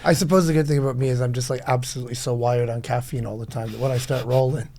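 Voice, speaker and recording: A middle-aged man rambling through club memories in a casual podcast chat, full of quick asides. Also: medium pitch, fairly even intonation, a little mellow. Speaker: club veteran guest.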